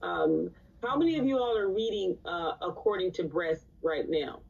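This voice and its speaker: A woman's voice: lowish voice, lively intonation, normal speed, creaky, a little mellow, husky. A woman teaching a live recitation class in a conversational way, often checking in with her students. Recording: distant, dull lo-fi sound.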